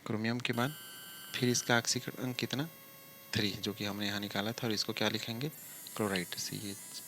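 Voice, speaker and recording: Against a noisy background, a man with a lowish voice and little pitch movement walks through a chemistry lesson step by step at the blackboard. He asks questions, answers them himself, and drags his words out slowly while writing.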